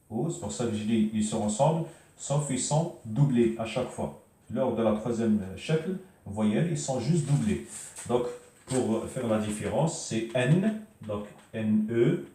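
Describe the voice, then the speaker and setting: A man gives a slow, patient lesson at a board and repeats each syllable with frequent hesitations. His voice is mellow and unhurried. It echoes heavily around the room and is picked up from some distance away. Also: fairly low pitch. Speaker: Arabic teacher.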